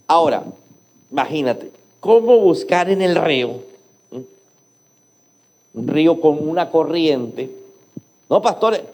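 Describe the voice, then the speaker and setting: A man's voice: fairly high pitch, a little mellow. A male pastor preaching a sermon, asking the congregation questions and having them repeat words after him. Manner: call-and-response, has the congregation repeat words; asks the audience many rhetorical questions. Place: church.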